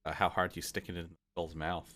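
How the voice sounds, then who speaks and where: A man's voice: deep voice, little pitch movement, fast, a bit bright. A man acting as game master, narrating and chatting casually in a tabletop game.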